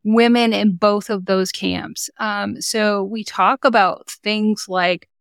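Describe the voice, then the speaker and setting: Woman coach on a podcast, earnest and encouraging, smooth clean voice, super dry sound. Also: medium pitch, steady tone, slow pace, no room sound. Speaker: business coach for mothers, podcast guest. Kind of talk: conversational interview.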